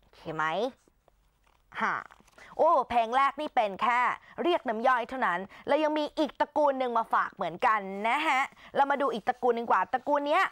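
A woman teaching English on a televised exam-prep lesson, her voice set a little high. She explains in one language and models English phrases slowly and carefully. The sound is close and dry, with no room around it. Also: expressive, fairly bright tone, dry recording.

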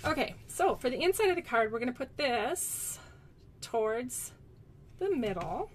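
Speaking a little slowly with a fairly high pitch and big swings in it, a woman walks through making cards in a casual, chatty tutorial, giggling and calling viewers "you guys" as friends. The recording has a little hiss or hum.

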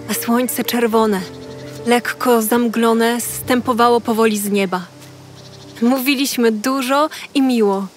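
A woman reading diary entries and poems aloud in a slow, tender, dreamy way. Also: on the high side. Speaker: diary reader. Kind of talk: slow, emotional literary reading. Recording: faint music behind the voice.

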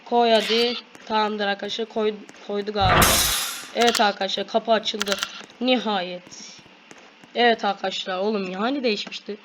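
Excited woman gamer over loud noise. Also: medium pitch. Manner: shouts rapid commands during fights; addresses viewers constantly. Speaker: gaming video host. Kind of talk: excited gameplay commentary.

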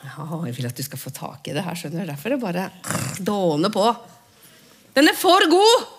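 A woman preaching a sermon and praying aloud, fervent, swinging between loud exhortation and hushed whispers. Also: lowish voice, lively intonation, slightly rough. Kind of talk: sermon with spoken prayer. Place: church.

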